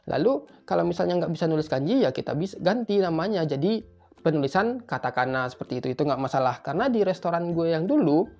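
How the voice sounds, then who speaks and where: A man's voice: on the high side, very animated, fast, a little mellow. A young man, casually explaining job interview answers in a chatty, informal way. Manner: chatty, informal, keeps repeating a filler tag. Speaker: tutor for job interviews in Japan. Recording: slightly muffled, faint music behind.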